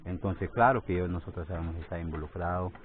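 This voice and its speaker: A man in his forties, a community judge, interviewed outdoors by a forest clearing, talking haltingly and repeating words, growing forceful as he protests. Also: low-pitched. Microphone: phone held near the face. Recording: tinny phone-like sound.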